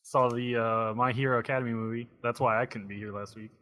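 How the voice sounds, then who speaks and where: Bright-sounding guy on a podcast, chill and wry. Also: medium pitch, steady tone, fast. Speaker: podcast co-host. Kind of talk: casual podcast chat.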